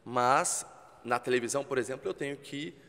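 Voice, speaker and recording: A man with a Brazilian Portuguese accent, a TV presenter guesting on a podcast, explaining in a calm, coaching way. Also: medium pitch, normal speed, long reverb tail. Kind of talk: casual interview talk. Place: podcast studio with spotlights.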